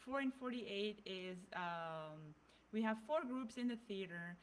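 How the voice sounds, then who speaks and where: A podcast co-host with a German accent chats casually in an expressive, unhurried, mid-range voice. She works through her ideas out loud, often restarting sentences and using fillers. The audio is poor, with slight background noise.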